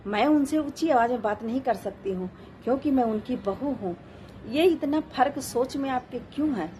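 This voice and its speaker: Woman playing sharp-tongued daughter-in-law; raised, high, arguing. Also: lively intonation, moderate pace, a little hiss or hum. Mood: lecturing.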